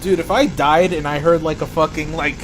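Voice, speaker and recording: A man's voice: on the high side, fairly even intonation, a little fast, background noise. A man streaming casually, reacting to videos with crude, jokey chat and frequent laughter. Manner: laid-back, crude, jokey, laughs often.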